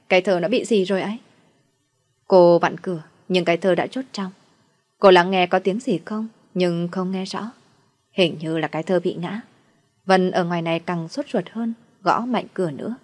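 A woman reading a dramatic story in a steady storytelling delivery. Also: on the low side. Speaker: narrator. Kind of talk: scripted story narration.

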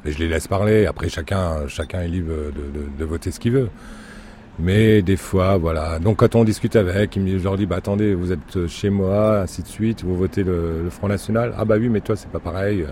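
Bar owner from Morocco; very low, mellow, measured and wry. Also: male voice, steady tone, a little hiss or hum. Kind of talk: documentary interview.

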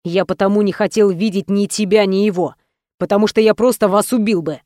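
A woman reading an audiobook and voicing an angry, jealous young man who speaks in curt, gruff, scornful bursts. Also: mid-range voice, fairly even intonation, brisk, mellow, no echo, studio quality, lightly acted. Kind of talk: audiobook character voice.

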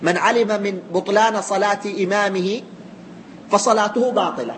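A man's voice: high voice, moderate pace, a bit bright, a little hiss or hum. A man teaching religious law to a class, explaining by repeating his points and quizzing his students. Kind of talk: classroom lesson with student questions.

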